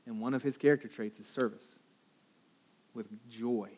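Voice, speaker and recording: A man's voice: mid-range voice, steady tone, moderate pace, a little mellow. A man preaching a sermon to a congregation in a casual, joking way, often checking in with "right?". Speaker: pastor.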